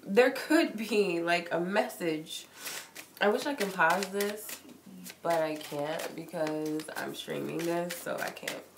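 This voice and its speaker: This tarot reader, a woman with a cold and a blocked nose, talks her way through a casual live-stream reading, loose and chatty with many likes and ums. Her voice is fairly low and slow, and the recording is echoey with noise.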